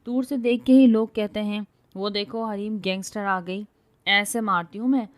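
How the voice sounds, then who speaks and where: A woman voicing a quick-tempered, bossy young woman who scolds loudly and brags. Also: mid-range voice, level tone, natural voice. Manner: loud scolding, bragging.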